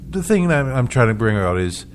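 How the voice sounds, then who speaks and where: A man of middle pitch talks casually as a local radio host, tripping over his own words and restarting, chuckling as he goes. A faint hiss of noise sits under the voice. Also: very animated, brisk. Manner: chatty, stumbling restarts, chuckles often.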